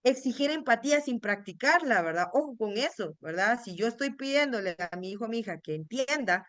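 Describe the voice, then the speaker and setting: A woman's voice: on the high side, expressive, brisk, a bit bright, no room sound. A woman neuropsychologist leading a parenting workshop, explaining earnestly to parents and tagging almost every phrase with a questioning "right?". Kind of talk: online workshop talk.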